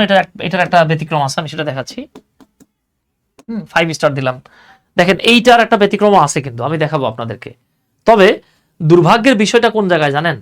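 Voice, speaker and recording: A man teaching an English grammar lesson in a casual classroom style, explaining step by step, repeating key points and asking rhetorical questions. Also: sits high. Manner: slows down to spell out words while writing.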